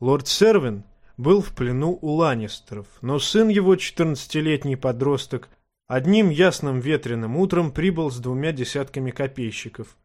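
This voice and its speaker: A man reading a fantasy novel aloud in steady, even audiobook narration. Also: mid-range voice, normal speed, no room sound, studio quality. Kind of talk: scripted narration.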